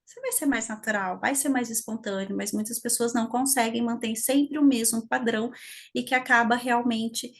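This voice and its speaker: A Brazilian woman neurologist explains as an interview guest, speaking fluently and at length. Her voice sits a little high. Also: fairly even intonation, moderate pace. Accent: Brazilian Portuguese. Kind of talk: expert interview answer.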